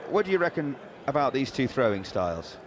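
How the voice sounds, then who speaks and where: Bloke commentating live darts, medium pitch, noisy crowd behind him. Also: male voice, big pitch swings, brisk. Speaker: sports commentator. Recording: crowd and clear background noise.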